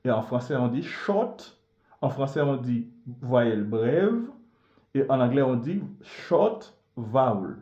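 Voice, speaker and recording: Guy teaching phonetics real slow, warm low-key voice, echoey room, kinda dull lo-fi sound. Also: expressive. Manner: slow, repeats sounds many times. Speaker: language teacher. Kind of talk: bilingual phonetics lesson. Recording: roomy, dull lo-fi.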